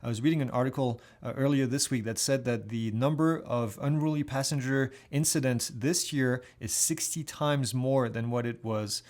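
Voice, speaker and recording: Guy doing a weekly airplane news update, chatty and relaxed, lots of uhs and restarts, mid-range voice. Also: mid-range voice, moderate pace, few pauses. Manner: casual, conversational, with many fillers and restarts. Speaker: aviation news host.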